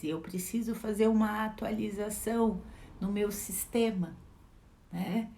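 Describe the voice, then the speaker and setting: A middle-aged Brazilian life educator with a Brazilian Portuguese accent gives a reflective teaching talk full of rhetorical questions and frequent tag questions. Her mid-range voice has a darkish tone, recorded in an echoey room.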